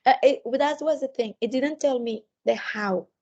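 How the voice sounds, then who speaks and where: A woman co-hosting a podcast in casual, halting conversation. Her voice sits on the high side and sounds thick from a sore, swollen throat. The recording is a little dull and lo-fi. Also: darkish tone. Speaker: podcast co-host. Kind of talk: casual chat.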